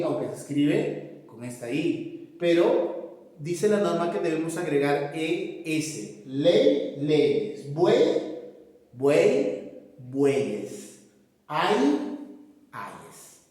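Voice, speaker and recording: A teacher with a slightly high, darkish voice explains a grammar lesson step by step, often checking in with his students. The room is echoey and he is far from the mic.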